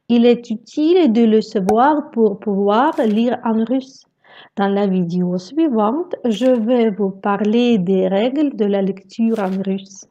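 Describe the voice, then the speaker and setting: A woman teaching Russian vowels in a slow pronunciation lesson, carefully modelling each sound. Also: on the high side, warm tone, dull audio.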